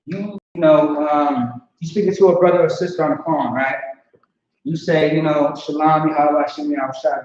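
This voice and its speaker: Recorded distant and boomy on a lo-fi mic in a very echoey room, with a little hiss or hum, a male teacher leads an informal online language lesson. His darkish voice stays casual and chatty as he repeats things and checks understanding often.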